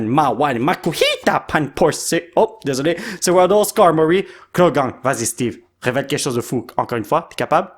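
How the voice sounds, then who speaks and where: Excitable high-voiced Québécois man. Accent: Québécois French. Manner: excitable, rattles off card names, jokes to his son. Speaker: YouTuber host. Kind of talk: card pack opening commentary.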